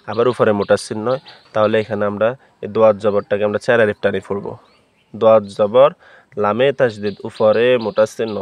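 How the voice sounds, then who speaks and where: Low, flat-voiced man teaching Quran reading. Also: dull audio. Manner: spells letters aloud, then chants syllables loudly and drawn out. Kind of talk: spelling-out Quran recitation lesson.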